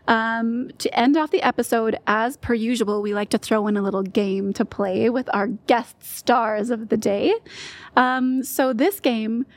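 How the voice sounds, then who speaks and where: A woman's voice: on the high side, no echo. Laughing young Canadian woman, dry mic. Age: young adult. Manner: chatty, laughs often, many fillers. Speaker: podcast co-host, medical student. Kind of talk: casual podcast chat.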